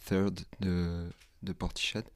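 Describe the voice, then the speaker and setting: A man's voice: low voice, little pitch movement, slow pace, clear, resonant tone. A young man chatting about music, hesitant and stumbling over his words. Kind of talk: casual chat about music.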